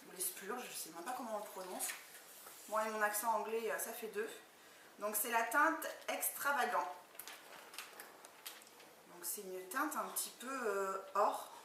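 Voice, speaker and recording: A woman's voice: mid-range voice, unhurried, long pauses, pushed and bright. A woman chatting enthusiastically while unboxing makeup, speaking casually with many fillers, filmed indoors from a distance on the camera mic. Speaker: beauty vlogger. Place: indoor room, far from the camera. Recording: echoey room, distant mic, background noise.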